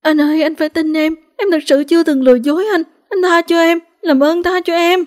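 A terrified young wife pleading for her life in a high, tearful voice, put on by a woman reading a ghost story. Her pleas climb far above the narrator's own pitch. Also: fairly even intonation, brisk, a little mellow. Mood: desperate pleading.

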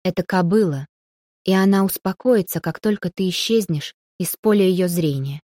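A proud young noblewoman answering curtly, read by a woman in an audiobook. The voice sits low and dark, recorded close and dry. Her phrasing is clipped and sharp-tongued. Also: normal speed, no echo, natural voice. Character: cool, imperious young noblewoman. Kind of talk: audiobook character reading.

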